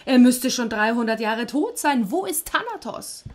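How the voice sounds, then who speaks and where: A woman voicing a mighty, quick-tempered male king of the gods who speaks in a commanding way. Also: mid-range voice, animated, breathy edge. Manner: commanding, growing loud.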